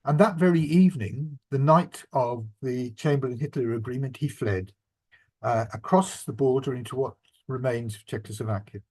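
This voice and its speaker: This older man presents an illustrated family history talk he authored, with measured, reflective delivery and occasional fillers. He has a mid-range voice with a darkish tone.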